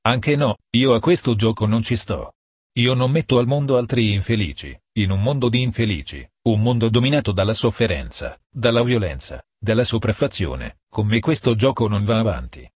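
Sarcastic cynic guy ranting about love, read by a man, low husky voice, dry sound. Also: animated, normal speed, dry recording. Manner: sarcastic, emphatic.

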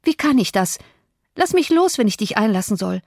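A woman reader voicing a polite young gentleman guest, frightened and agitated. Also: mid-range voice, moderate pace, dry recording, studio quality, lightly acted. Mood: frantic.

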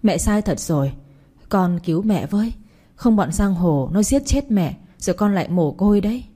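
A woman's voice: medium pitch, animated, moderate pace, mellow, lightly acted. A woman reading a story aloud and voicing a desperate middle-aged mother who pleads and begs her daughter. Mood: pleading. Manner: pleading, tearful.

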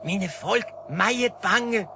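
An actor playing a loyal, cautious mountain guide who speaks in broken, halting sentences, in a radio play. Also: male voice, high voice, lightly acted. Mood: worried. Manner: broken halting speech, urgent warnings. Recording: noisy old radio-play recording.

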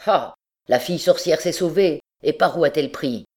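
A woman reading an audiobook, voicing a sinister male provost who interrogates gruffly. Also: deep voice, moderate pace, dark tone, lightly acted. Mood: menacing.

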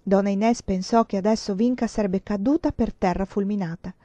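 A woman reading a novel aloud in a measured way, in a dull lo-fi recording. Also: medium pitch, fairly even intonation, warm tone, dry recording. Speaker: audiobook reader. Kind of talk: literary audiobook narration.

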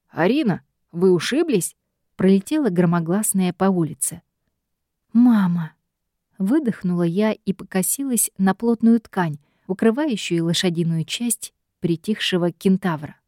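Warm-voiced woman narrating a story. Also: medium pitch, dry recording, studio quality. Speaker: audiobook narrator. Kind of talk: first-person fiction narration.

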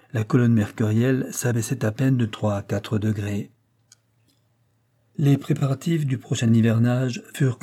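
Mellow-voiced man reading a novel. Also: fairly low pitch. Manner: measured reading, lifts his voice for dialogue. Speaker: audiobook narrator. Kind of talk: reading a classic novel aloud.

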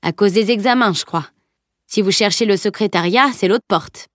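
A woman's voice: medium pitch, moderate pace, no room sound, clean studio sound, close to an everyday voice. A woman reading an audiobook voices an affable, casual workman. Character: friendly working man in overalls.

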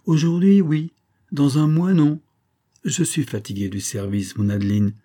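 Man playing scheming middle-aged major, pompous, theatrical, mock-tender, husky, dark voice, audiobook. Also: a little high, a little slow, voice pushed up.

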